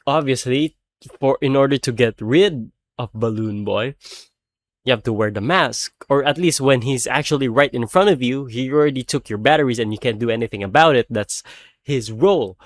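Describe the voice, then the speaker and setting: A man's voice: mid-range voice, dry recording, studio quality. A man, not a native English speaker, animatedly retelling a film's plot in a casual rant, swearing often and laughing as he talks. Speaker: video creator reviewing a film.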